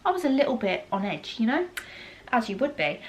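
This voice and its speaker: Bunged up with a cold, a British vlogger in her thirties tells a casual story to camera, full of filler ums and tangents. Her fairly high voice is very animated and brisk, and the rough recording carries a little hiss or hum.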